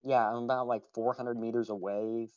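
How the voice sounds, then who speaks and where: A man on a muffled, lo-fi voice chat, chatting casually while he plays. He hesitates a lot, restarting his sentences as he works out what to say. His voice sits at a middle pitch and sounds dry and close. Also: flat delivery, moderate pace, darkish tone, no room sound. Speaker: fellow player.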